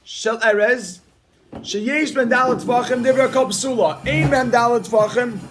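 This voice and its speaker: Guy teaching talmud, pretty high voice, keeps repeating the same phrase, pushy and lively, calls on students. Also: unhurried, noisy background. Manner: repeats key phrases over and over, drilling the point; energetic and emphatic, calling on students. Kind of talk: Talmud class reading and explaining text.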